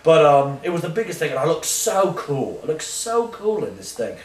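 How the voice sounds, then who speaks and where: A man playing an oblivious washed-up rock singer in a mock interview, rambling deadpan through absurd tangents. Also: on the high side, moderate pace. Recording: roomy sound from a distant mic.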